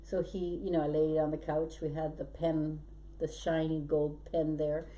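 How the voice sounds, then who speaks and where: A middle-aged woman who was born in Belgium and grew up in Canada appears as a podcast guest; she's a hypnosis trainer sharing stories from her life in a casual interview. Her voice sits low with a flat delivery, a normal speed, and a warm tone, and she laughs often as she chats. There's faint background noise.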